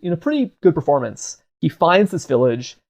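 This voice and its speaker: A man hosting a podcast in casual chat, explaining fluently and relaxed. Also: on the high side, moderate pace, creaky. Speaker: podcast host.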